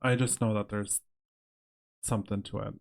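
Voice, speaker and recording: A young adult man co-hosting a podcast, speaking in a fairly low voice. He rambles playfully and fills his sentences with "like" as he chats. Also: steady tone, normal speed, vocal fry. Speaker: podcast co-host. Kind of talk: casual chat.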